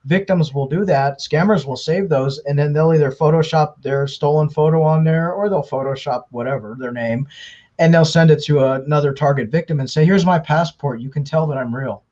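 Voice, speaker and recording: Speaking at normal speed in a slightly high, darkish voice, a male scam baiter chats as an interview guest. His long, casual explanations are peppered with fillers and restarts, and the audio is dull and lo-fi.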